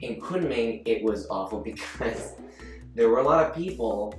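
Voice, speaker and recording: A young man chatting casually as a guest, full of fillers and quick laughs. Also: medium pitch, lively intonation. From China. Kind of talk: casual chat. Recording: roomy sound from a distant mic with faint music.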